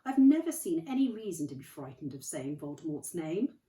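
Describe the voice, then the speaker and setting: Calm old wizard, read by a woman, gentle and unhurried, mellow and lively, heard from a distance. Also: low voice. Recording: echoey room, distant mic.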